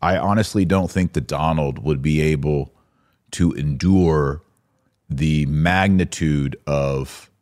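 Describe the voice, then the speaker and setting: Rumbling low with a darkish tone, this man hosts a live-stream podcast, offering loose, halting commentary with repeats and rhetorical questions.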